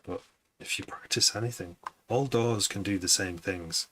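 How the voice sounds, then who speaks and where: A man's voice: low-pitched, moderate pace, pushed and bright, a little hiss or hum, rough recording. A man who produces music, chatting casually on a live stream, rambling and hesitant with many restarts.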